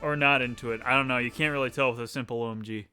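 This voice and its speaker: A man streaming a video game in casual chat, playful and quick to laugh, sometimes reading lines aloud. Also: medium pitch, steady tone, bright, forceful tone, soft background music. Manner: playful, laughs often, hams up character lines.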